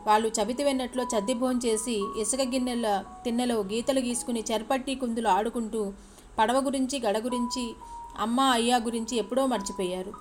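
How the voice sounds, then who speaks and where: Brief: woman podcast storyteller, fairly high voice, expressive, soft music underneath. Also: brisk. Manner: expressive, addresses listeners politely.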